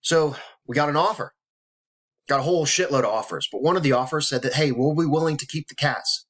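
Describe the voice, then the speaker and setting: A man's voice: on the high side, fairly quick, fairly bright tone. A man in his thirties talking to camera, earnest and emotional, mixing blunt swearing with heartfelt talk and holding back tears. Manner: earnest, emotional, profane, motivational. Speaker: vlogger.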